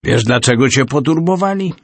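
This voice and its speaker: A man's voice: medium pitch, lively intonation, normal speed, dry recording, natural voice. A man voicing a kindly, good-natured old man who warns a boy.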